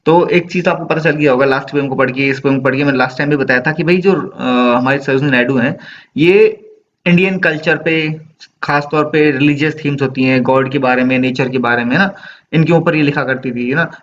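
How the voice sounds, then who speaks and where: A man teaching a poem to students in a lecture, reading the verse lines slowly and asking rhetorical questions. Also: fairly high pitch, fairly bright tone. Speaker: English literature teacher. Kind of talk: Hindi-English poetry lecture. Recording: dull, lo-fi with faint background noise.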